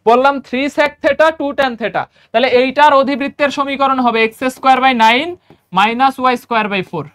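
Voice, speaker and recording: Chatty Bangladeshi math tutor, smooth voice. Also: male voice, extremely high pitch, fairly bright tone. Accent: Bangladeshi Bengali. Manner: chatty, repeats key steps, asks students quiz questions. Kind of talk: casual exam-prep lesson.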